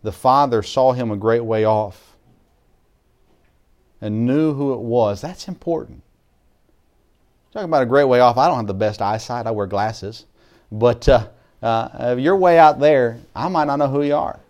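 Earnest preaching pastor, mid-pitched man. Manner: earnest preaching with frequent restarts, shifting between loud emphasis and quiet asides. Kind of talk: sermon.

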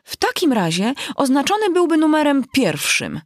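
A woman's voice: high voice, wildly swooping pitch, normal speed, no echo, studio quality, voice pushed up. Woman voicing a stubborn little girl. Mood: insistent.

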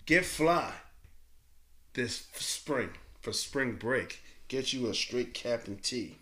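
Bright-voiced, slangy man hosting a podcast. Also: mid-range voice, expressive, takes it slowly. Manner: slangy, profane bro talk. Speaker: podcast host. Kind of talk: casual banter.

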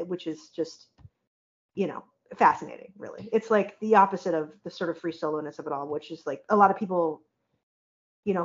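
A woman chats casually on a podcast, rambling through her thoughts with plenty of fillers. She laughs often mid-sentence. The recording sounds somewhat dull and lo-fi. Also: mid-range voice. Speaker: podcast guest. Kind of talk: casual chat.

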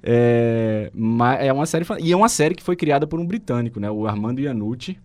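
A man's voice: medium pitch, lively intonation, a little fast, no room sound. A Brazilian man with a Brazilian Portuguese accent, co-hosting a casual chat and recommending a series, often restarting his sentences. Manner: hesitant, frequent restarts and fillers. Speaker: show co-host recommending series.

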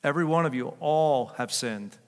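An older man preaching a sermon as pastor, chatting and joking with his congregation, then rising to loud emphatic peaks. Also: on the high side, normal speed, big-room sound. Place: church sanctuary.

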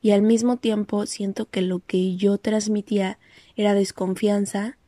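Mexican woman, casual monologue, warm soft tone, dry close sound, chatty with fillers. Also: mid-range voice, little pitch movement, measured pace, dry recording. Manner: chatty, full of fillers and restarts. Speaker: podcast host.

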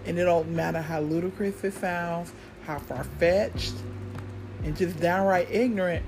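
A woman's voice: fairly low pitch, measured pace, over music. A middle-aged American woman giving a casual, rambling solo podcast monologue in a blunt, cynical, freely swearing manner. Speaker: podcast host.

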